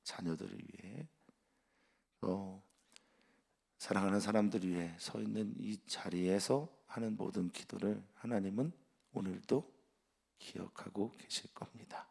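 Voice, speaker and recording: A male pastor preaching an early-morning sermon, measured and explanatory, trailing off softly at the ends of phrases. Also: deep voice, creaky, husky.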